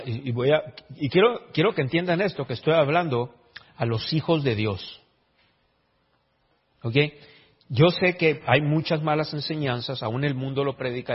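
A man preaching a sermon as pastor, stammering through restarts and then rising to emphatic, drawn-out lines. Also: on the high side, slightly rough. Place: church. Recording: dull lo-fi sound with long hall reverb.

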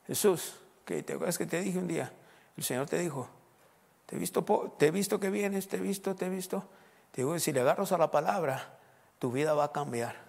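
A man preaches in a loud, excitable sermon style, breaking into exclamations. His voice sits high for a man. The sound rings with a long church-hall reverb. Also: a little fast, vocal fry. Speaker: pastor. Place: church sanctuary.

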